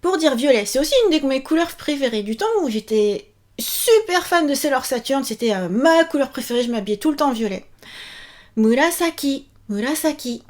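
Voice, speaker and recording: A cheerful young woman teaching a language video lesson, repeating each word slowly and clearly. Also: high-pitched, animated.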